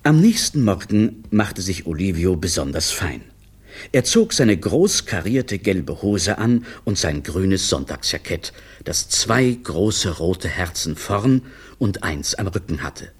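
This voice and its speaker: A man narrating a children's audiobook with a lively, expressive reading. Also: deep voice, slow, slightly rough.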